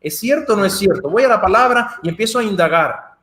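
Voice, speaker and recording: A man's voice: sits high, lively intonation, a little fast, fairly bright tone. Chatty Guatemalan man acting out voices. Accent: Guatemalan Spanish. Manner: chatty, acts out quoted voices. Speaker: guest speaker. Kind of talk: conversational talk on a video call.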